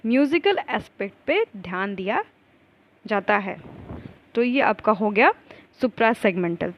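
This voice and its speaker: A woman teacher gives a recorded lecture, asking herself questions and then answering them, and reads the definitions slowly, word by word. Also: fairly high pitch, low-quality recording. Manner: explains with repeated rhetorical questions.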